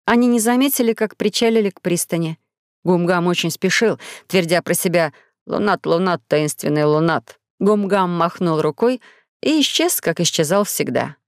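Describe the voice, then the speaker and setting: Lower-voiced woman narrating a children's story. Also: expressive, normal speed, no room sound, studio quality. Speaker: audiobook narrator. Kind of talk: scripted narration.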